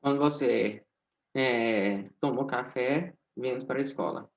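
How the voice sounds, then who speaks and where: A man's voice: mid-range voice, unhurried. A male student gives short, hesitant answers to the teacher's questions. He sounds distant, and the audio is dull and muffled.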